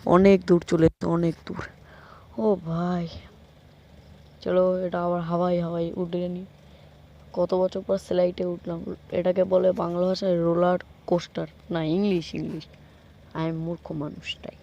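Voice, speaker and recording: A man giving live gameplay commentary, excitable, urging himself on with quick repeated commands and joking about himself to viewers. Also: high-pitched, creaky, highs cut off. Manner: self-mocking asides to viewers. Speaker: gameplay streamer.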